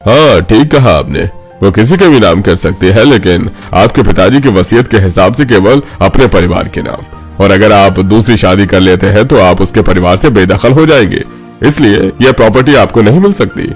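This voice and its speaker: A measured, deliberate cartoon lawyer with a deep voice, laying out terms slowly, as a man voices him. Faint music sits behind. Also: lightly acted. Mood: explaining. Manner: slow, explanatory. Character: measured middle-aged male lawyer. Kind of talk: animated family drama.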